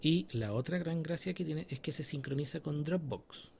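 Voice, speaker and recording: A man's voice: on the high side, moderate pace, vocal fry, darkish tone, a little hiss or hum. A Chilean man co-hosting a podcast in casual chat, explaining things step by step and checking in with his listeners. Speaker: podcast co-host.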